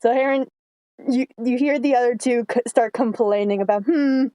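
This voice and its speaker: A young woman narrates a tabletop session as game master, playful and quick to laugh. Her voice sits a little high, and the sound is close and dry. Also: steady tone, mellow, no room sound, low-quality recording. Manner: playful, laughing, easily distracted.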